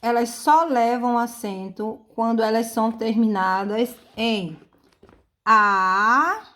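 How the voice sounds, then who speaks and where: A woman's voice: fairly high pitch, slow pace, fairly bright tone. A woman teacher giving a recorded grammar lesson, patiently repeating each point and checking that pupils follow.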